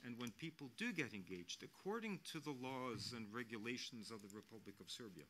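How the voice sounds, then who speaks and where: An international mission official, an older man, gives unscripted remarks on a panel in a press center hall, speaking earnestly into a desk microphone with a bright, forceful, animated voice of medium pitch. Measured and careful with words, he often restarts mid-sentence and uses fillers, with a faint hall hum behind him.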